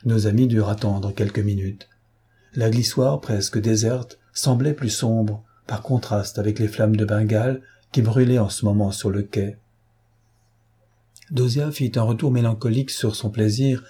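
Husky low-voiced male narrator. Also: fairly even intonation, normal speed, warm tone. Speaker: audiobook narrator. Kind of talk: scripted narration of a novel.

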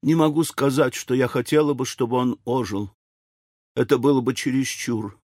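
A male audiobook reader voicing a fussy, anxious older widow who talks in a shrill, excitable way. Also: normal speed, dry recording, studio quality, natural voice. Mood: complaining. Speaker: audiobook character. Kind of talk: audiobook character reading.

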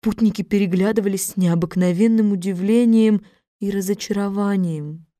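A woman's voice: medium pitch, dry recording, clean studio sound. Woman reading a children's storybook. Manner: measured, expressive reading. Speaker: audiobook narrator. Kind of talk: scripted storybook narration.

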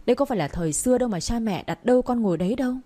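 A woman's voice: fairly high pitch, expressive, very fast, mellow, pitched above the performer's own voice. A woman reading the part of a stubborn young man, a village doctor, insisting and pleading with his father. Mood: insistent.

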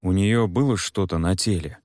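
A man's voice: sits low, moderate pace, darkish tone, dry recording, studio quality, natural voice. Man doing a tense hot-tempered young man.

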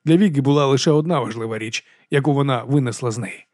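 A man narrating an audiobook in a steady, even storytelling manner. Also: mid-range voice, quick pace, no room sound, clean studio sound. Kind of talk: scripted narration.

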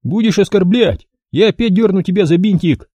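Man doing a brash cheeky sidekick, high and loud. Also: moderate pace, no room sound. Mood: mocking. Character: brash joking male sidekick, crude prankster.

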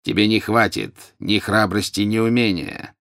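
A cold, sneering wizard snaps at his enemy and barks orders, as a man reading an audiobook puts him on. The voice sits low and dry, close to the reader's own. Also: steady tone, moderate pace, a bit bright, no echo. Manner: sneering, barking commands.

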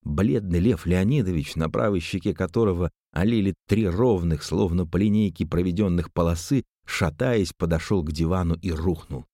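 A man's voice: low voice, moderate pace, few pauses, mellow, dry recording, studio quality. A man reading an audiobook as narrator, in scripted narration.

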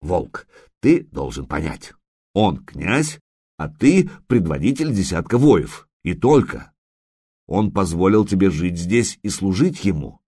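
A man voicing a stern older warrior who lectures and warns in measured tones. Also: deep voice, very animated, dark tone, breathy edge, exaggerated voice. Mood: stern warning. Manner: lecturing, warning.

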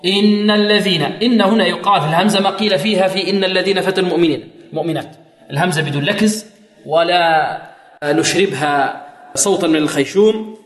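A man teaching Quran recitation rules, quizzing his students with questions and chanting verses slowly to demonstrate. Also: high voice. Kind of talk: tajweed lesson with chanted recitation. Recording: echoey hall.

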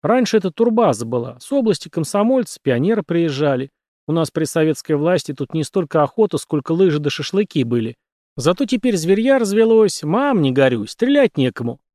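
A man's voice: a little high, sing-song, warm tone, no echo, studio quality, pitched above the performer's own voice. A man doing a folksy village taxi driver. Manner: folksy, unhurried talk. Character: chatty rural taxi driver and hunter, man.

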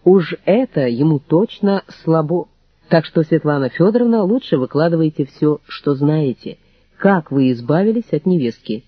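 A man's voice: fairly high pitch, animated, normal speed, husky, no room sound, highs cut off. A man reading an audiobook, voicing a sarcastic, combative young woman. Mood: mocking. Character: young woman, sharp and mocking.

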